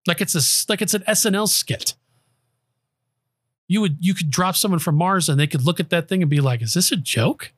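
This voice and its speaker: Male podcast host, sarcastic and emphatic monologue, slightly high voice, dry close mic. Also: fairly quick, long pauses, a bit bright, no room sound. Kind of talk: political commentary monologue. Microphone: close studio microphone.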